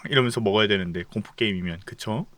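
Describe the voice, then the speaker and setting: A man streaming a game, muttering low commentary to himself. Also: fast talker, fairly bright tone, no room sound.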